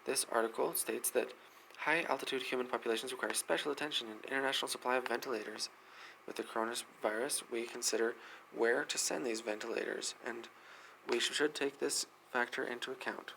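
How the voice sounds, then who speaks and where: A man hosting a weather news segment, reading articles aloud quickly with frequent slips and restarts. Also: mid-range voice, fairly even intonation, creaky, bright, forceful tone, slight background noise, rough recording.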